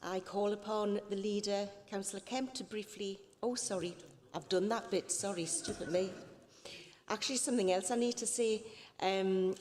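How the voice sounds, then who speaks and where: A woman's voice: mid-range voice, darkish tone. A woman serving as Lord Mayor, chairing a city council meeting and calling agenda items, with the odd apologetic slip. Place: council chamber. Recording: council chamber with long reverb.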